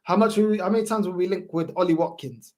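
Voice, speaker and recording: Fast-talking and high-pitched, this London man hosts a football livestream and responds to viewer comments. He uses a roadman accent, multicultural London English, and his casual chat is full of slang, repetition, and emphatic phrasing.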